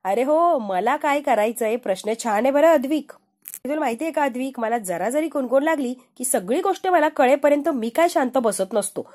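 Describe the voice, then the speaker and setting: Brief: woman doing a man's own inner voice, needling and lecturing, dark, slightly high tone. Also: animated, normal speed. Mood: teasing.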